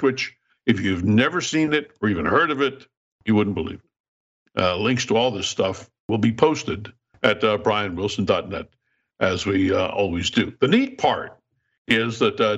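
A man's voice: mid-range voice, fairly bright tone, lo-fi sound. An older man hosting a podcast in a wry, conversational way with florid, tongue-in-cheek wording. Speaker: podcast host.

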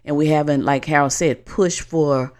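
A woman's voice: low voice, steady tone, moderate pace, a little mellow. A woman co-hosting a podcast, talking in a conversational, reflective and explanatory way about faith and motivation. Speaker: podcast co-host.

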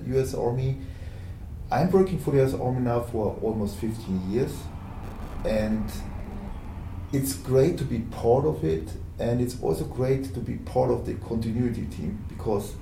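Calm man, dark roomy sound. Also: mid-range voice. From Germany. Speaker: podcast co-host, public affairs officer. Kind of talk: podcast interview. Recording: roomy, distant mic, faint background noise.

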